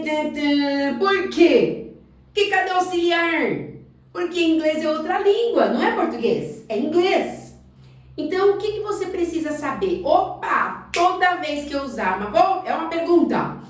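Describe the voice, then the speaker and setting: Lively woman teacher in an echoey room. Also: high voice, far from the mic. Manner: lively, coaxing, asks the learner questions; speaks slowly on English examples. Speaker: English teacher. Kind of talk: online language lesson.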